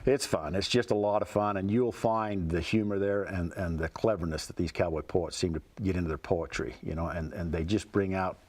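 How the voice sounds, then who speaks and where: Guy chatting in an interview, lowish voice, plainspoken and folksy. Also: fairly even intonation, a little fast, hardly any pauses, darkish tone. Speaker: interview guest, cowboy poet. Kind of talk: casual interview chat.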